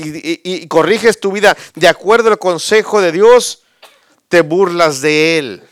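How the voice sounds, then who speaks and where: Male pastor, sermon, unhurried delivery, dry close sound, call-and-response, loud then hushed. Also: a little high, dry recording. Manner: call-and-response, prompting listeners with "what?"; swings from loud exclamations to near whispers.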